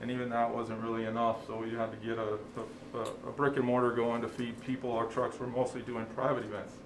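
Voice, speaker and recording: A man's voice: mid-range voice, little pitch movement, fairly quick, echoey room, background noise. A man from Chile, a restaurant owner, chatting in an interview in a friendly, rambling way with many ums and uhs. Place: TV studio.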